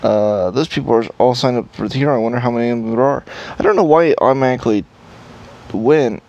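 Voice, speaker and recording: A man giving casual let's-play commentary, talking in halting asides with restarts. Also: medium pitch, darkish tone, muffled recording. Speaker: gaming video creator.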